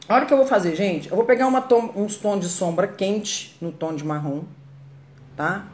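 A woman's voice: medium pitch, moderate pace, darkish tone, slight background noise. A Brazilian woman giving a live makeup tutorial from her phone, chatty and greeting viewers by name as she works. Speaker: makeup artist.

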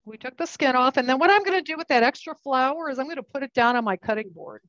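Chatty woman running a live cooking demonstration, with a fairly high voice, talking through each step as she works the dough. The sound is muffled and dry, with no room echo. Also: lively intonation, fast talker, fairly bright tone. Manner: chatty, explains while working with her hands. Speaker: cooking class instructor.

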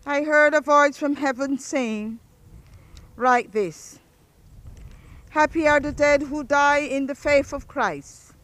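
Woman officiant at an outdoor graveside; high-pitched, unhurried, solemn recitation of burial prayers. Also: fairly bright tone, no room sound. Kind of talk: reading a funeral liturgy.

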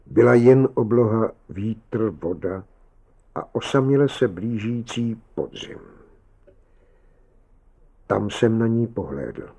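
A man with a fairly low voice narrates a short story. His reading is measured and unhurried, with long pauses between phrases, like a careful audiobook reader. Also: lively intonation, gravelly, mellow, husky.

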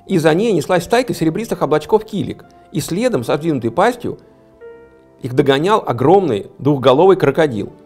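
Brief: author reading a children's tale, brisk lively delivery, gravelly, soft music under. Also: male voice, fairly high pitch. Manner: animated, expressive. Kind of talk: storybook reading.

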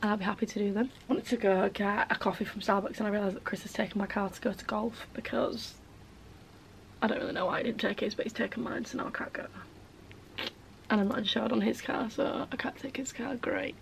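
In a bedroom get-ready-with-me video, a twenty-something beauty vlogger rambles casually, peppering her talk with "like" and "um." Losing her voice and a bit hoarse, she speaks a little fast in a steady, gravelly mid-range tone, with slight background noise.

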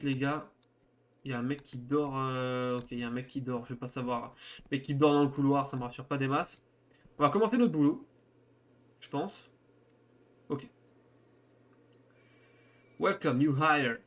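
Young guy doing casual horror game commentary, slangy and jokey, streamer style. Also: mid-range voice. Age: young adult. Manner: informal, slangy, joking.

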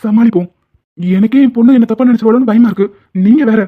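A woman's voice: a little high, quick pace, lightly acted. Woman voicing a flirty cartoon husband, tinny. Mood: flustered. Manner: flirtatious, defensive explaining. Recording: tinny phone-like sound.

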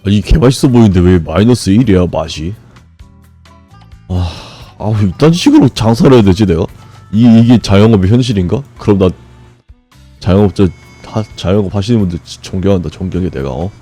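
Man streamer, mellow low voice, swings wildly in pitch, grumbling and cursing at a game, faint music behind. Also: animated, brisk, husky. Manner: swears often and grumbles at the game, with sudden high shouts. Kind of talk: frustrated live gameplay commentary.

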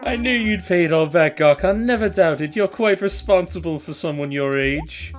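A man's voice: a little high, normal speed, voice pushed up, lightly acted. A man reading out the lines of a salesy male raccoon shopkeeper in a video game, with a coaxing patter. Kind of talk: reading game dialogue aloud.

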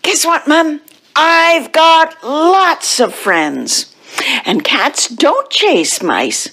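A high, small kitten boy from a storybook, as a woman puts him on, earnest and full of questions. His wondering little-kid voice swoops up at the ends of his questions. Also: wildly swooping pitch, very slow, a bit bright, exaggerated voice. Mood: proud.

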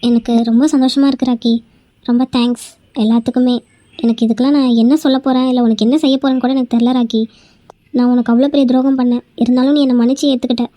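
A woman plays a clingy young woman in a cartoon, pleading and heaping on thanks with a scheming edge. Her voice is high and quick but mellow, and the sound is dry and close. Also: little pitch movement, dry recording, close to an everyday voice. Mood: grateful. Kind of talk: cartoon voice acting.

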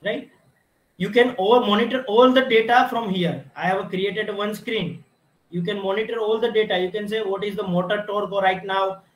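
High-voiced instructor, echoey lab. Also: male voice, steady tone, normal speed. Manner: step-by-step, repeats "you can see", frequent restarts. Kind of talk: technical lab demonstration. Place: automation lab with equipment. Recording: echoey room.

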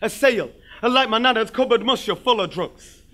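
Brash battle rapper, high and bright. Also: male voice, animated. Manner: brash, rhymed insults delivered fast and loud. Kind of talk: rap battle verse. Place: live battle venue.

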